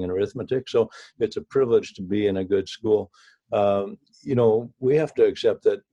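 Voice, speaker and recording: A man from Canada, a guest on a political talk show, speaking haltingly with many fillers. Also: on the low side, mellow.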